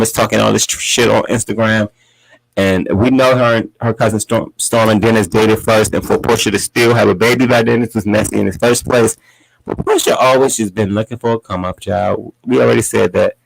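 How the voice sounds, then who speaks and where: A man hosts a casual gossip podcast in a sassy, dramatic manner. His mid-pitched voice often leaps up into high, mocking tones as he runs through the gossip. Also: creaky, low-quality recording. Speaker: podcast host.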